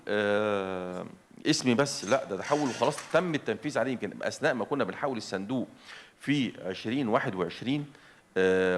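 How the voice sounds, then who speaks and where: An Egyptian-accented man speaks off the cuff at a conference. His words come extremely fast, in a medium-pitched voice. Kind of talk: unscripted panel talk.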